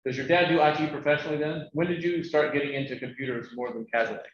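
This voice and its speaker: A man moderating, briskly reading out questions from the chat. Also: a little high. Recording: very roomy, dull, faint noise.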